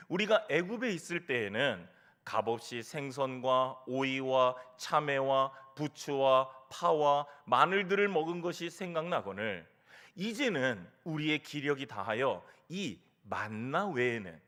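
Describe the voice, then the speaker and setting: A male pastor delivers a Sunday sermon in a church, his slightly high voice rising and falling in wide, lively swings. He carries the congregation along with stories, quoted voices and rhetorical questions. Now and then he slips in a light, humorous aside. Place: church sanctuary.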